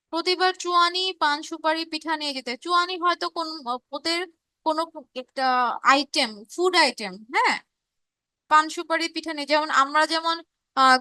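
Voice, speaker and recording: A woman's voice: high voice, sharp tone, no room sound. A woman teacher with a Bangladeshi Bengali accent, leading a live online revision class, explaining and reading out student chat questions. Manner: reads chat messages aloud and answers students; explanatory, with frequent fillers and restarts.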